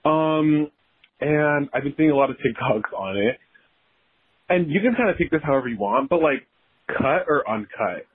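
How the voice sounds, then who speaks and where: Guy caller, deep pitch shifted voice-changer sound, lots of ums, raspy and phone-tinny. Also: lively intonation, moderate pace. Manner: hesitant, full of ums and likes. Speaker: caller leaving a voice message. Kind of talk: casual recorded question.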